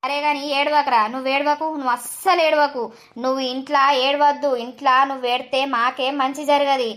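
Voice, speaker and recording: A woman's voice: high-pitched, flat delivery, a little fast, fairly bright tone. A woman voicing an anxious middle-aged village mother-in-law, pleading, scolding and soothing in a rustic voice. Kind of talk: animated village drama voice acting.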